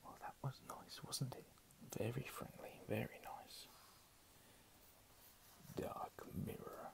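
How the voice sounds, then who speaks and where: A man reading under his breath in a hushed ASMR whisper, with casual murmured asides. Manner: slow, hushed delivery. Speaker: ASMR reader.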